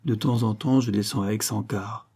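A man's voice: fairly low pitch, steady tone, moderate pace, vocal fry, warm tone, husky. A man voicing a frank, plain-spoken young country woman. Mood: guarded.

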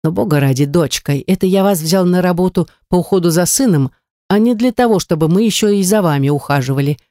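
A woman voicing a stern, displeased middle-aged father in a storybook reading, speaking gruffly and reproachfully. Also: on the low side, a little fast, mellow, dry recording, studio quality, natural voice.

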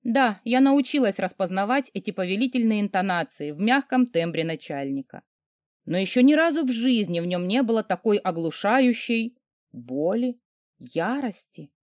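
A woman narrating an audiobook in the first person, her pitch swinging widely with feeling. The reading sounds close and dry, with no room around it. She lets the emotion of the story color her voice. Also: animated, normal speed, a little mellow, no room sound. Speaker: audiobook reader.

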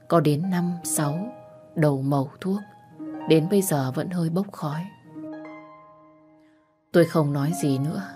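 A woman narrating a first-person audio story in a soft, measured way, voicing every character herself. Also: sits low. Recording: soft music underneath.

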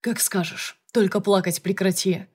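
A woman's voice: medium pitch, fairly even intonation, normal speed, a little mellow, slightly rough, lightly acted. A woman reading the lines of a brusque, jealous male boss in an audiobook, curt and sarcastic. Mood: subdued.

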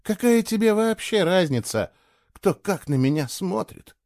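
Guy doing a high voice for a jealous young woman, accusing, pleading, dry sound. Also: expressive, unhurried, darkish tone, no echo. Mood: hurt, indignant.

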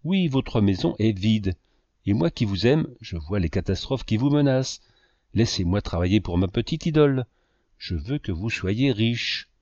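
A man reading the lines of a scheming, self-pitying man who flatters and presses a young woman, in a low voice with a lively pitch. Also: normal speed, no room sound. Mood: insistent. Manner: insistent, flattering. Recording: dull lo-fi dry recording.

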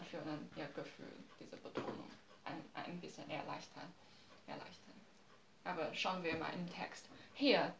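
A woman teaching a language class, who repeats each phrase patiently and explains it slowly. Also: fairly low pitch, roomy sound, background noise.

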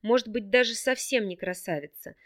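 A woman's voice: on the high side, fairly quick, a bit bright, natural voice. A woman voicing a curt, irritable young nobleman in an audiobook reading. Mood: impatient. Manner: curt, clipped, impatient.

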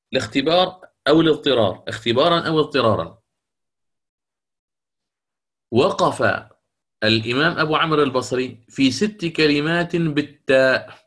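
A man with a slightly high, somewhat bright voice lectures on the rules of Quran recitation, explaining step by step, checking in with listeners and reciting example verses slowly.

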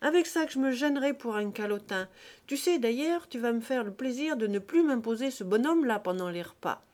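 Woman acting out a loud, overbearing anticlerical man. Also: a little high, a little slow. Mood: indignant. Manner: loud, exclamatory and mocking.

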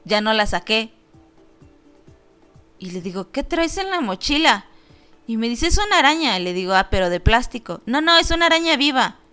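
A woman with a Mexican Spanish accent hosting a radio show, telling a story in a lively, casual way, acting out the voices she quotes and laughing often. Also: fairly high pitch, clean tone.

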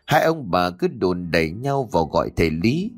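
Man narrator, very low voice, lively swooping delivery, ghost story, faint music. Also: normal speed.

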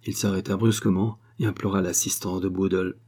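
Male audiobook reader, measured, low and husky. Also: level tone, dark tone. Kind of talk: literary audiobook narration.

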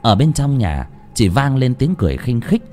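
A man narrating a folk tale in an expressive way. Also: medium pitch, normal speed, soft background music. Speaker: storyteller. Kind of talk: dramatic story narration.

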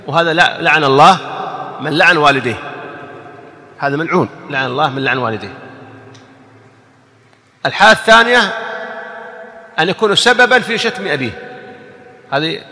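A man's voice: a little high, bright, forceful tone. A man, a sheikh, giving a religious lesson. He explains hadith patiently, repeats key words and quizzes his listeners with questions. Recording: long hall reverb.

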